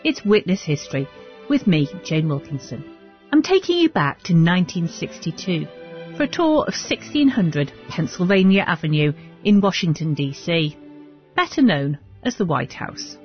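Lively low-pitched female radio presenter. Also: moderate pace, muffled recording, soft background music. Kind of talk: scripted history programme narration.

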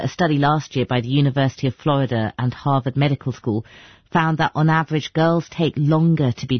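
A woman hosts the interview in a measured way, putting questions and summing up the answers. Her voice is low and husky. The recording is dry and a bit dull. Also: no echo. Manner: measured, asking questions and summarising. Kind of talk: interview hosting.

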